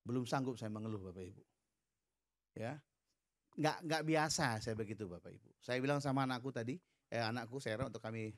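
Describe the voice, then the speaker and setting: A middle-aged male pastor preaching a sermon, leading the congregation in response and telling humorous stories. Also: medium pitch. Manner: lively storytelling with humorous asides to the congregation; leads the congregation in call-and-response.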